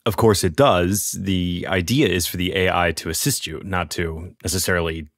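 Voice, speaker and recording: Man, very deep voice, dry sound, quick jokes, podcast co-host. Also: fairly even intonation, fairly bright tone, no room sound. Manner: witty, quipping. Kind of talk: casual podcast chat.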